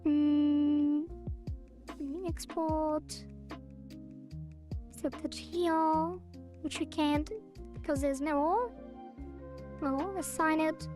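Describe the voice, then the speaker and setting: A woman's voice: sits high, steady tone, drawn-out words, long pauses, music in the background. A woman streaming her game development, thinking aloud in half-sentences as she works. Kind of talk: casual livestream while coding.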